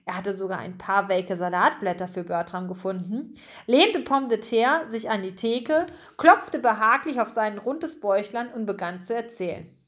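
A woman narrating a children's storybook chapter in a clear, even reading voice. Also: medium pitch, moderate pace. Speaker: audiobook narrator.

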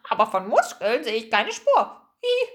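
A woman voicing a cheeky, frantic female seagull messenger in an audiobook, with a croaking voice and clipped, broken phrases. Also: on the high side, wildly swooping pitch, a little slow. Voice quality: screechy, croaking. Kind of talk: audiobook character voice.

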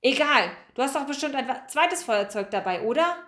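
A woman voicing a gruff, impatient male crook who barks commands, in a storybook reading. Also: high voice, expressive, normal speed, sharp tone, echoey room, voice pushed up.

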